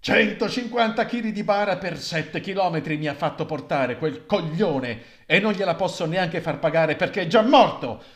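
A man's voice: sits high, expressive, moderate pace, hardly any pauses, voice pushed up. A man voicing a furious pallbearer ranting about carrying a heavy coffin. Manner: ranting angrily.

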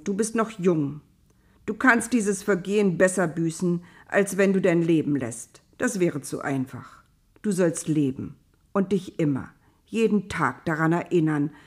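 A woman voicing a powerful grown man who scolds and threatens loudly in an audio storybook, her tone low-set. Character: furious powerful Egyptian master, grown man.

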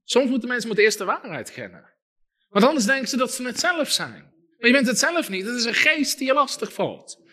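A male preacher with a high, bright voice delivers an emphatic sermon. He builds his points through lists and tells stories, acting out the lines of the people in them. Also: big pitch swings, brisk. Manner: emphatic, storytelling with lists and quoted dialogue.

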